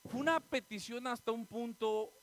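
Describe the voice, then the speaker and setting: A male pastor, preaching an animated sermon and swinging from loud, high cries to soft, low asides. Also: normal speed, creaky, low-quality recording.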